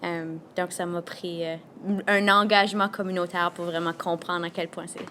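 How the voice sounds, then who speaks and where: A woman's voice: on the low side, level tone, moderate pace, bright, forceful tone, a little hiss or hum. A woman from northern New Brunswick giving an earnest, reflective personal testimony. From northern New Brunswick, Canada.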